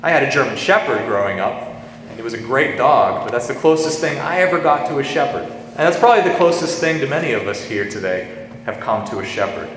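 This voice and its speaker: A man, preaching a sermon in a folksy storytelling way and slowing down on scripture quotes. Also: medium pitch, animated, a bit bright. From western Pennsylvania, US. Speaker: pastor. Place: large reverberant church. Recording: echoey church hall, faint hum.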